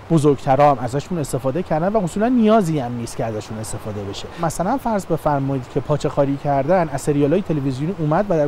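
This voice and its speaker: A man's voice: on the high side, warm tone, a little hiss or hum. A man who is a linguist, explaining speech forms with examples in a documentary interview.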